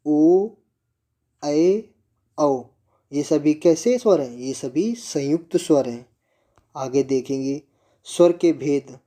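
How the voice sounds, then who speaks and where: A male teacher explains grammar rules step by step. His voice is very dark and mellow, and he speaks slowly, posing a question to the class and then giving the answer himself. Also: fairly high pitch. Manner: slow, patient, asks the class questions and answers them himself. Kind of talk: classroom lesson on Sanskrit grammar.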